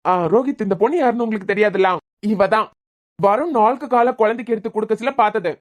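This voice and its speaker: A woman's voice: fairly high pitch, quick pace, darkish tone, lightly acted. A woman with a Kanyakumari Tamil accent voicing a stern young male doctor who scolds and interrogates in a cartoon. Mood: pressing. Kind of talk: cartoon voice acting.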